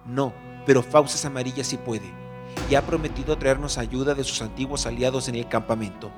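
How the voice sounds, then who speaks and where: A man's voice: mid-range voice, steady tone, moderate pace, close to an everyday voice. Man doing an urgent young apprentice cat. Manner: urgent, planning delivery. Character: young male apprentice cat, quick and determined. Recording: background music bed.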